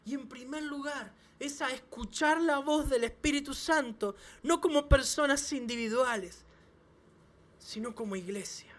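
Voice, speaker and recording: High-voiced man preaching emphatically. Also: measured pace, a bit bright. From Chile. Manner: emphatic preaching with repeated phrases and restarts. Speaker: pastor. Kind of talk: sermon. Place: church service.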